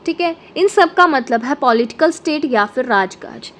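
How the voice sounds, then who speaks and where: A woman's voice: high voice, animated, moderate pace, a bit bright. A woman lecturer explaining an exam prep lesson step by step, mixing English terms into her Hindi and checking in often. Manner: explains step by step with frequent "ठीक है" check-ins.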